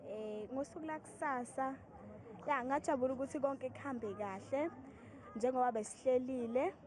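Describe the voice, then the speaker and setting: Woman, Zulu accent, slightly high mellow voice, quiet halting interview answers. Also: slight background noise. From eMfolozi area, KwaZulu-Natal, South Africa. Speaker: festival participant being interviewed.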